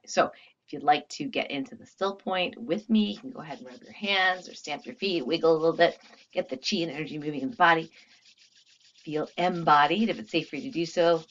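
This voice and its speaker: Casting: woman with a low voice, energy healing teacher, conversational guide, slightly lo-fi audio. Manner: conversational, with frequent asides and check-ins. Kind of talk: casual talk and guided healing session.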